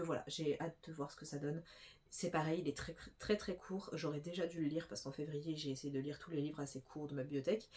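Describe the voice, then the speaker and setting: A woman's voice: lowish voice, a little mellow. Young female booktuber, stuffy nose, casual filler-heavy chat. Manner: chatty, many fillers and restarts. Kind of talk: casual book haul chat.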